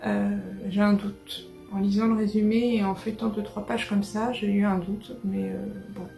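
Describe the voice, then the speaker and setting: Chatty woman with a gravelly edge. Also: medium pitch, level tone, normal speed, warm tone, echoey room, faint music behind. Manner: chatty, hesitant, many fillers and restarts. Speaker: book vlogger. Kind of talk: casual book haul chat.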